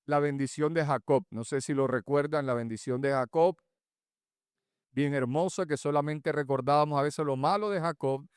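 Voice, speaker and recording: A male pastor, preaching a sermon in church, emphatic, with rhetorical questions and a slower pace on key points. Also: a little high, clear, resonant tone, no echo, clean studio sound.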